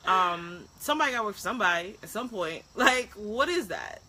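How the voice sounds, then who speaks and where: A woman co-hosting a casual live-stream chat, frank and animated, ranting with quick asides. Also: mid-range voice, a little hiss or hum, rough recording. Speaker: co-host.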